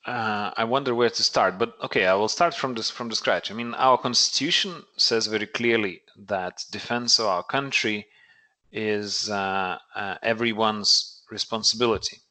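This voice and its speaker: A man's voice: fairly low pitch, moderate pace, sharp tone. A man, a podcast guest explaining things thoughtfully and searching for words. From Lithuania. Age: late 30s. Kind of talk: earnest podcast conversation.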